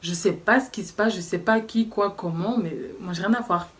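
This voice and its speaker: A young woman telling a story from her life in a casual, lively way, talking straight to her viewers. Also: mid-range voice, normal speed, distant mic. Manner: lively, animated, conversational, addresses viewers directly. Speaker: vlogger.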